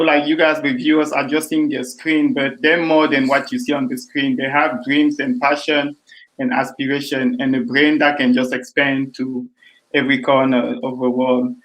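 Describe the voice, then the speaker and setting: A man's voice: on the high side, fairly bright tone. A man from Jamaica hosting a panel discussion, enthusiastic and talking with fillers. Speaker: host.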